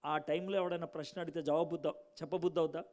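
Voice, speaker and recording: A man preaching a sermon, telling his own story and acting out the dialogue, moving from shouts to hushed lines. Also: fairly high pitch, steady tone, fast talker. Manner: dramatic, acts out dialogue, swings from shouting to hushed. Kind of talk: sermon with personal testimony.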